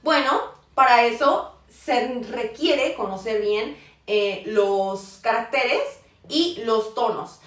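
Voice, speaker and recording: A woman teaching a live online Mandarin class, explaining patiently and often checking in with "ok?". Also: on the high side. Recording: roomy echo, voice far from the mic.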